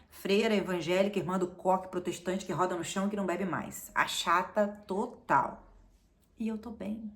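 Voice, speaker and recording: A woman in her forties from Brazil, telling a personal story to camera in a chatty, confessional way and acting out the lines she quotes. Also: fairly low pitch. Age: 40s. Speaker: vlogger.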